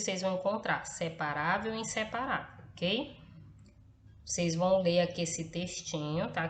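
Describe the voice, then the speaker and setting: Brief: woman teacher, mid pitch, patient and deliberate, echoey room with faint hiss. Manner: patient, tags nearly every phrase with "tá?" and "ok?"; slow and deliberate, spelling out letters one by one. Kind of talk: recorded class lesson.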